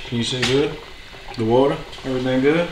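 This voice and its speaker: A man's voice: mid-range voice, a little fast. A man from New Orleans with a New Orleans accent, casually chatting and joking with viewers while cooking in his home kitchen. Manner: slangy, rambling, joking to viewers. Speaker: cooking video host. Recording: echoey room with clear noise.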